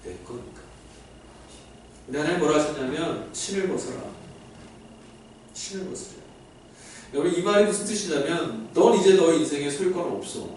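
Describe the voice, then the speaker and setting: A man's voice: fairly high pitch, quick pace. A male pastor giving a sermon, putting questions to the crowd and acting out the lines he quotes. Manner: animated preaching, acts out God's voice and asks the crowd questions. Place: large echoey church hall. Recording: echoey hall from far off, faint noise.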